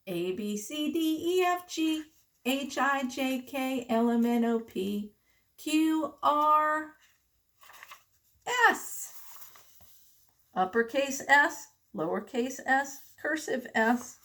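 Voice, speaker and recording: Speaking in a high voice, a preschool teacher goes through the alphabet for children. Her phrasing is simple, deliberate and sing-song, sprinkled with questions.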